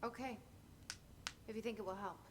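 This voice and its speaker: An actress voices a guarded young woman newly put in charge, speaking in short, measured lines in a game. Her pitch sits mid-range, and clear noise runs under the game audio. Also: fairly even intonation, natural voice. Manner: terse, measured. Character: guarded young woman, a new agency director.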